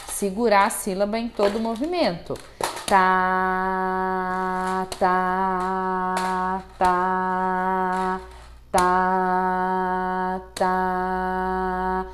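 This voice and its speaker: A Brazilian woman teaching music theory to students, patient and checking in often, counting and chanting rhythm syllables aloud. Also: medium pitch. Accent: Brazilian Portuguese.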